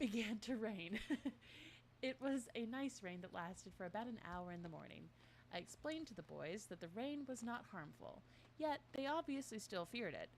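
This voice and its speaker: A woman's voice: mid-range voice, a little hiss or hum. Woman reading a game journal aloud. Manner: reads text aloud with mock-formal delivery, breaks into laughs and chat. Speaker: co-host playing a game.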